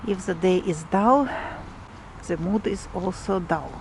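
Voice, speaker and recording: Russian-accented woman vlogging outdoors, street noise. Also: fairly low pitch. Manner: halting, explanatory, searching for English words. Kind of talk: casual walk-and-talk vlog. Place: outdoors, walking through a provincial town. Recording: clearly noisy outdoor street ambience, vehicles. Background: urban outdoor noise and vehicles.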